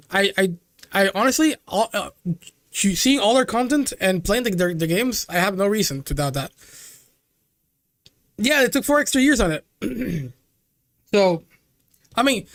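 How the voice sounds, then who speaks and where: Young male streamer with a high, light voice and a dry, close sound, chatting loosely with chat. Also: a bit bright, no room sound. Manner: chatty, loose, calls the audience "dude" and "chat". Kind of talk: casual live-stream reaction chat.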